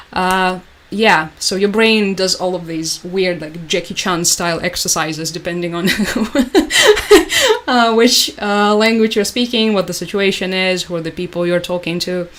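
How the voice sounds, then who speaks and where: On her livestream, a talkative young woman whose native language is Russian chats casually and meanders, often using filler words and starting over. Her voice is lowish.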